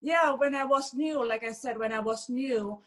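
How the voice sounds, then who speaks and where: This interview guest is an Indonesian fashion influencer with a high voice and a moderate pace. She chats freely in casual answers, leaning heavily on fillers such as "like" and "you know."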